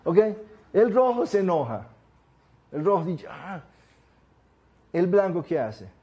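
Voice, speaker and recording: A man's voice: high-pitched, a little slow, husky, muffled recording. Man lecturing with rhetorical questions. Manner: lively, asks the audience rhetorical questions; acts out examples with small voices. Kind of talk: live lecture to an audience.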